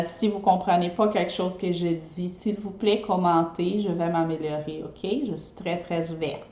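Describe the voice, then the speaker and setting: A woman with a low, warm voice chats informally with her live-video viewers, often pausing to ask "ok?". Born in Brazil with Portuguese as her first language, this eco-friendly party decorator speaks French in a mixed Brazilian and Québécois accent. The room is echoey.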